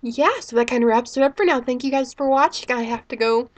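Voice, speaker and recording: Woman, 30s, sick voice, casual vlog chat, rambling with fillers, slightly high voice. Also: fairly even intonation, fast talker. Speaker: vlogger.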